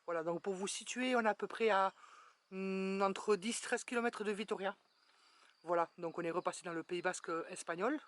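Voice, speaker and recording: A woman's voice: mid-range voice, normal speed. A woman hosting a casual travel vlog outdoors at a bird reserve, chatty and often starting her lines with 'voilà', recorded on a handheld camera. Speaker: travel vlogger.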